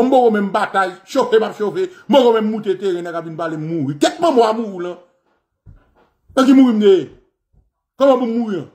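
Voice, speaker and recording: A man with a Haitian accent, a political activist and radio host, giving a fiery, repetitive monologue that rises to shouts and swearing. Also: sits high.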